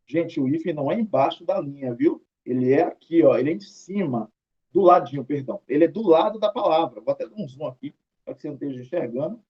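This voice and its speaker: The lo-fi recording captures a man with a fairly high, breathy voice, lively intonation, and a quick pace. He's a Brazilian teacher with a Brazilian Portuguese accent, taking students through writing examples chattily and a bit scoldingly while drawing out his tag questions.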